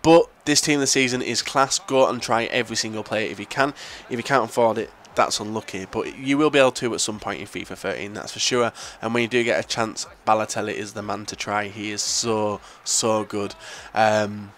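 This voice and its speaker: A man's voice: fairly low pitch, steady tone, fairly quick, fairly bright tone, a little hiss or hum. Joking Northern English young man. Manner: crude, joking, profane banter. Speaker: gaming YouTuber. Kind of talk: casual gameplay commentary.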